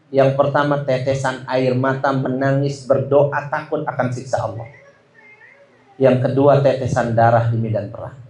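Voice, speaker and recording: A man's voice: mid-range voice, darkish tone. A man preaching a sermon to a congregation, telling a story and often addressing listeners directly. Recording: roomy echo.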